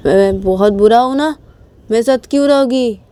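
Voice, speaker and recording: A woman's voice: fairly high pitch, normal speed, mellow, smooth, no echo, pitched above the performer's own voice, lightly acted. A woman voicing an angry, hurt young man in a storybook romance, bitterly repeating himself as he pushes his wife away.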